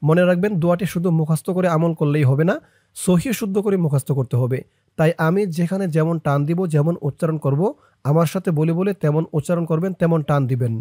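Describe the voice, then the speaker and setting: A man's voice: on the high side, quick pace, mellow, no room sound, studio quality. A man teaching viewers to pronounce a prayer, patiently repeating each syllable for them to follow. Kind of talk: spelling-out lesson of a prayer.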